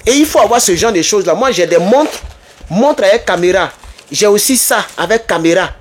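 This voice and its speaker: A man's voice: sits high, fairly quick. A man from Côte d'Ivoire with an Ivorian French accent, telling a story and giving advice straight to his viewers. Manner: animated storytelling, addresses viewers directly. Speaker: vlogger. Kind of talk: casual monologue to camera.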